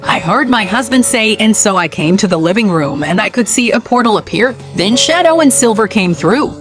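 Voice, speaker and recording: A woman's voice: mid-range voice, animated, normal speed, over music, close to an everyday voice. A woman narrating a fan story in first person as a worried, motherly character.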